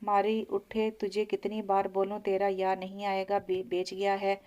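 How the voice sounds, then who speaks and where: A woman's voice: mid-range voice, completely flat delivery, unhurried, a little mellow, lo-fi sound, close to an everyday voice. A woman voicing a harsh, contemptuous brothel attendant in an audio novel. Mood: scornful. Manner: scolding, contemptuous.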